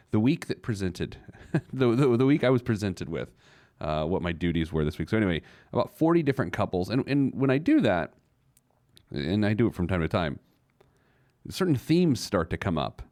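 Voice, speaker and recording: An American man in his late thirties hosts a solo, casual radio monologue on personal finance, rambling in a wry, conversational way. His voice is lowish and a little mellow. The sound is dry and clean, studio quality.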